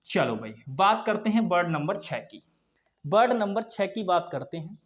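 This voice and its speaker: A man's voice: sits high, very animated, normal speed. A young man teaching a vocabulary lesson online, repeating each point and answering his own questions for his students. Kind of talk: online exam-prep lesson.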